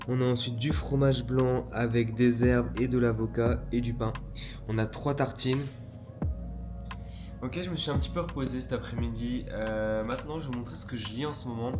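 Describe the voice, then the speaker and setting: A young man from France chatting casually through a daily vlog, relaxed and full of fillers. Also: mid-range voice, reverberant. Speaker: vlogger.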